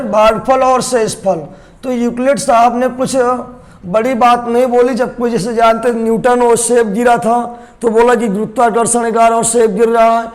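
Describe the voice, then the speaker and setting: A man teaching a math lesson to students. He asks questions and answers them himself, and repeats key terms slowly. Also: extremely high pitch. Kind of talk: classroom-style lesson to camera.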